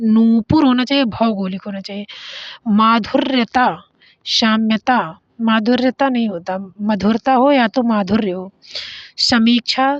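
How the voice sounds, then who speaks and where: A young woman teacher giving an exam revision lesson, reading out answer options and briskly correcting each word, and speeding up when she announces each question number. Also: on the high side, no room sound. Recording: dry, dull lo-fi sound.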